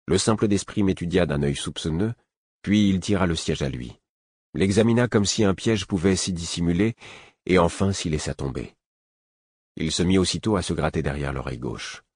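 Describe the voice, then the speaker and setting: Speaking in a deep, husky register, a male audiobook narrator voices a first-person fantasy story at a steady, even pace. There's no echo or room sound at all, just a close, dry recording.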